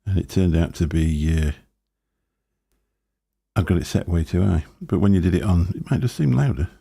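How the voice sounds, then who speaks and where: On a casual live stream, a man chats in a loose, rambling way and chuckles to himself, speaking into a desk microphone through a mixer. His very low, booming voice is dark and a little husky, with gravelly fry running beneath his words, at a normal speed.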